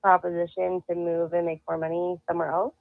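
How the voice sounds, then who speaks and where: A woman's voice: on the low side, fast, gravelly, no echo. A woman guest telling a story in casual chat, laughing often and acting out what people said. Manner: animated, laughing, acts out quotes. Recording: tinny phone-like call audio.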